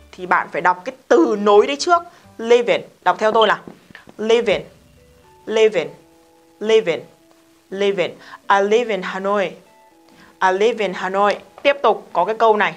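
A woman with a Vietnamese accent runs a recorded online English lesson, brisk and strict with her learners. She slows right down to drill short phrases for repetition. Faint music plays softly behind her voice. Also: mid-range voice. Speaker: English teacher.

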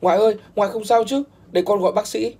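Man voicing a calm older brother. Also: medium pitch, a little fast, husky. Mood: concerned. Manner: gentle, concerned.

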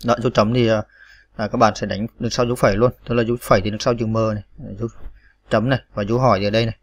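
A man's voice: fairly low pitch, fairly even intonation, rapid-fire, no echo. A man teaching typing step by step, patiently spelling out each key with frequent fillers. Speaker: computer tutorial instructor. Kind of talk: step-by-step screen tutorial.

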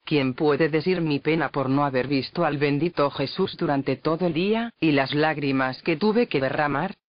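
A man reading a devotional book aloud in a measured, reverent way, reading out numbered entries and dates. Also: a little high. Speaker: reader. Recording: dull lo-fi dry recording.

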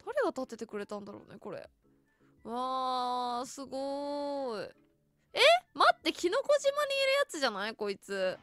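A woman's voice: high voice, big pitch swings, normal speed, a bit bright, no room sound, soft background music. A voice actress giving chatty, casual commentary as she tours a game world and keeps exclaiming in delight.

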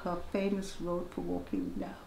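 A woman's voice: fairly low pitch, level tone, normal speed, creaky, crowd noise. Matter-of-fact woman in an echoey shop. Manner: brief, matter-of-fact replies. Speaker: shop assistant. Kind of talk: casual interview answers. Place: small indoor shop. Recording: echoey small shop room.

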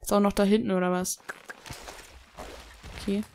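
A woman's voice: mid-range voice, little pitch movement, moderate pace, warm tone. A young woman chatting her way through a horse-riding video game, reading quest text aloud and grumbling when she gets lost. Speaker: Let's Play gamer. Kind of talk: casual gameplay commentary.

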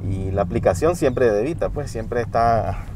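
A man's voice: mid-range voice, lively intonation, moderate pace. A middle-aged man, a ride-hailing driver talking frankly about his work in an interview while driving. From Nicaragua. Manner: plain-spoken and frank. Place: inside a car. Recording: clear car and traffic noise.

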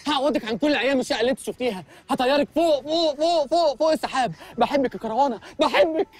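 An actor in an Egyptian sitcom with an Egyptian Arabic accent, scolding in exasperated banter. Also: male voice, extremely high pitch, racing. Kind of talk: TV sitcom acting.

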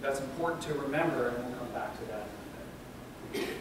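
A male university lecturer explaining to students, checking in with "okay?" and pausing on fillers. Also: mid-range voice. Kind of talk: recorded classroom lecture. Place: lecture room. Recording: echoey room, distant mic, noisy.

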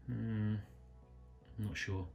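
A man calmly reviewing a small pocket knife, thinking aloud and correcting himself as he goes. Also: fairly low pitch, slow pace, creaky, lo-fi sound, faint music behind. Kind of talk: casual product review narration. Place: indoors at a table, filming hands close up.

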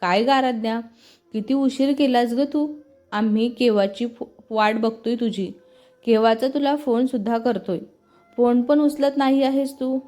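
A woman voicing a lively, chatty young woman who teases and fires off quick questions. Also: a little high, faint music behind, natural voice. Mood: scolding. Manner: bubbly, teasing, quick questions.

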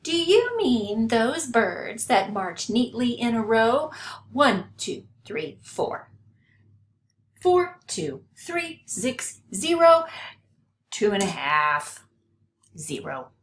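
Woman putting on a loud, brash oddball penguin. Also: on the high side, sing-song, drawn-out words, voice pushed up, heavily acted. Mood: clueless. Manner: hearty, blaring. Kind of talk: storybook character voice. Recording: roomy home recording, some hiss.

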